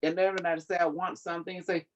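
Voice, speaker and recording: A man's voice: high voice, little pitch movement, quick pace, dull audio, slight background noise. A man with a Cambodian accent talking casually as a spiritual teacher, in non-native English with dropped verbs and endings. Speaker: spiritual teacher leading a group call.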